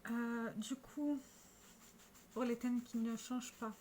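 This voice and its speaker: Woman beauty vlogger, casual product walkthrough, slightly high voice, faint room hum. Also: steady tone, slow pace, a little mellow. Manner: chatty, showing products to camera with small restarts. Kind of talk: casual makeup vlog.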